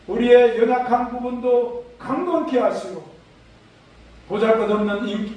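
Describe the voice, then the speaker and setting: A pastor delivers a Sunday sermon with scripture readings, exhorting his congregation with emphasis. His voice is very high with a darkish tone and a slight hiss or hum. He's recorded from far off in the echoey hall of a large church sanctuary during a service.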